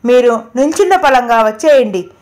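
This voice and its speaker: A woman's voice: a little high, animated, normal speed, a little mellow, natural voice. A woman reading the part of a panicked wife speaking in a trembling voice on the phone. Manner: trembling, urgent.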